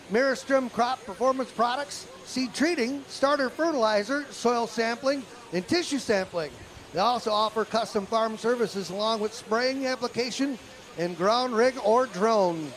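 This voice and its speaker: A man's voice: very high-pitched, fairly bright tone, poor audio. A man working as a tractor pull announcer, calling competitors and reading sponsor plugs live. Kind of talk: live event announcing with sponsor reads and banter.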